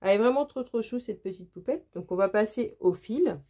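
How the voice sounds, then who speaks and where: A woman's voice: medium pitch, expressive, brisk, warm tone, slight background noise. A woman from France, a craft vlogger, chatting casually and eagerly with many fillers as she shows her embroidery kits. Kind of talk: casual unboxing chat.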